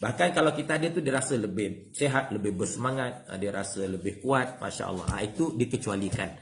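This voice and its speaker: A man's voice: fairly low pitch, fairly quick, slight background noise. A man with a Malaysian Malay accent giving an evening religious lecture, acting out little dialogues and tagging lines with "ya" and "ha". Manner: animated, acts out dialogue, many "ya" and "ha" tags. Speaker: religious teacher. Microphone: livestream microphone.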